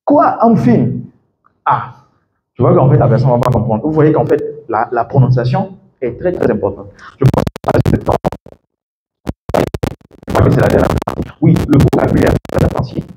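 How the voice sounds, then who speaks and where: A man teaching English to a class of students, lively and full of questions to the room, laughing often. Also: mid-range voice, moderate pace, over music. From Ivory Coast. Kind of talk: classroom masterclass. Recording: echoey room with faint background noise.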